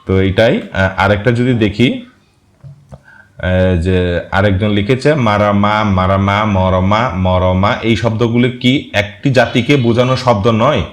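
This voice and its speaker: Guy with a lowish voice reading comments out, slow, lots of uh pauses, spells words out. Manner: reads slowly, spells out words syllable by syllable, frequent hesitations. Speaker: channel host reading viewer comments.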